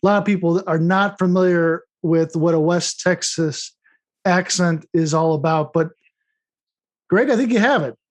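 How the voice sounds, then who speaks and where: A man's voice: sits high, normal speed. A man hosting a podcast, introducing guests and asking questions in a conversational way. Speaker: podcast host.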